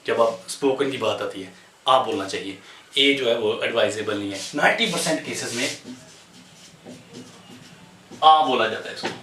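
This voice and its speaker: A man from India gives a classroom English grammar lesson, talking slowly and pausing often with fillers, with English terms worked into his speech. He is recorded from a distance, and the voice rings with the room's echo. A faint room ambience sits behind him. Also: medium pitch, sharp tone, slight background noise. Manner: explains slowly with many pauses and fillers, mixing English terms into Hindi. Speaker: English teacher.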